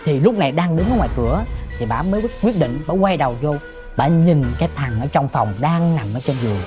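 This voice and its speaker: A man telling a ghost story, dropping to hushed murmurs and jumping to sudden shouts, talking straight to his listeners. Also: a little high, expressive, fairly quick, music in the background. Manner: addresses listeners directly.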